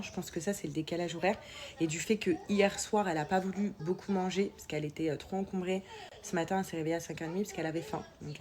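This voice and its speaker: A woman's voice: lowish voice, darkish tone. A young woman vlogging casually as a mother, speaking informally and hesitantly, with a nasal, congested voice and a sore throat as she comes down with a cold. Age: young adult. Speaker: mother vlogging about family life. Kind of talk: casual chat to followers.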